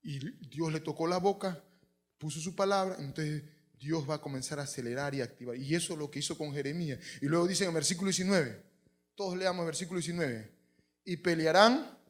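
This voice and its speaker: A man preaching a sermon as pastor, telling stories and swinging from hushed lines to shouts. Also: a little high, fairly quick. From Peru.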